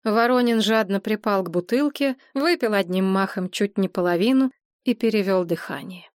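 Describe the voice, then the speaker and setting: Woman reading an audiobook, mid voice, dry close mic, wry and even. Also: mid-range voice, normal speed, dry recording. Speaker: audiobook narrator. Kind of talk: scripted narration.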